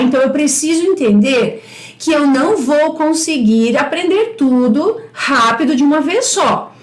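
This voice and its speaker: High-voiced Brazilian woman teaching English. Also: reverberant. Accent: Brazilian Portuguese. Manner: encouraging, repeats English phrases slowly. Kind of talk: live-streamed English lesson.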